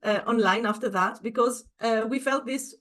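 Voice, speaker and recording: A woman's voice: on the high side, normal speed. Effusive woman hosting a podcast. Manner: warm, effusive. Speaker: podcast host. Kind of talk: podcast interview.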